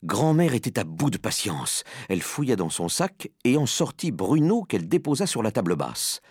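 A man narrating a story in an audiobook with lively, expressive delivery. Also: lowish voice, normal speed, slightly rough, dry recording, clean studio sound.

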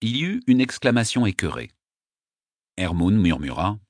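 A man reading a first-person novel aloud as an audiobook narrator, measured and dry. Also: lowish voice, big pitch swings, no echo.

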